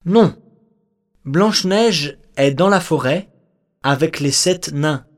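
A man voicing a truthful magic mirror in a storybook, with a measured, formal delivery. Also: on the high side. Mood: solemn.

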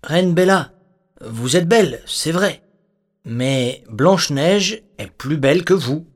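A man's voice: fairly high pitch, expressive, slow pace. A man voicing a solemn magic mirror.

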